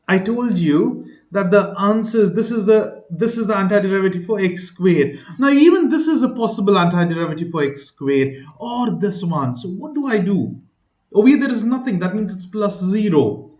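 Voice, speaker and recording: A man's voice: high-pitched, a little mellow. Man teaching math in an echoey room. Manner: talks through steps, asks the listener checking questions. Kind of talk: explaining a math lesson.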